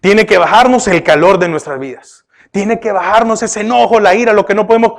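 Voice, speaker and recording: A male pastor delivering a sermon, questioning his listeners often and turning from emphatic bursts to hushed remarks. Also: high-pitched, brisk, gravelly. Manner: preaching with repeated rhetorical questions to the congregation; often addresses listeners with "oiga" and "¿verdad?".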